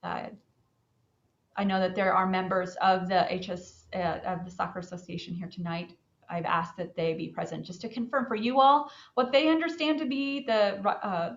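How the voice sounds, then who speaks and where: Brief: woman city manager, low-ish voice, measured and formal, echoey council room, dull audio. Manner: measured, formal, occasional fillers. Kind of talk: formal public meeting remarks.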